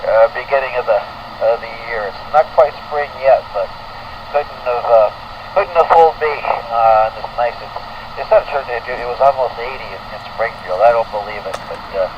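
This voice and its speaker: A man's voice: medium pitch, normal speed. A middle-aged or older man, running a radio net roll call in a chatty, folksy, rambling way. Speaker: radio net control operator. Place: indoor radio room with window open. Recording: noisy dull ham radio audio, distant.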